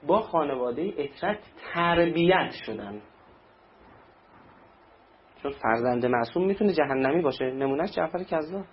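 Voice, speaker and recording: A man's voice: fairly high pitch, expressive, pauses often, a little hiss or hum. A man preaching a sermon in a conversational way, acting out little anecdotes. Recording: dull lo-fi recording with faint ambience.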